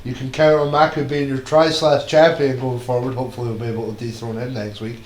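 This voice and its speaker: A man's voice: mid-range voice, level tone, quick pace, darkish tone, echoey room. A man from Scotland co-hosting a fighting game stream, chatting casually with loose banter and easy swearing. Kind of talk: casual commentary chat.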